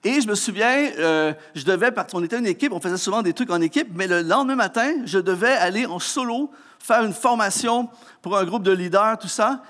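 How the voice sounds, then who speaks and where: A man's voice: sits high, animated, fairly quick, fairly bright tone. A man with a Québécois French accent preaching a sermon, telling a personal story with humor and many restarts. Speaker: pastor.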